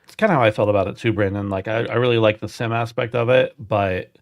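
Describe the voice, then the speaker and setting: A man's voice: lowish voice, steady tone, fast, dry recording, studio quality. A man hosting a casual gaming podcast, easygoing and chatty. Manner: easygoing, chatty, frequent restarts. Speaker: podcast host.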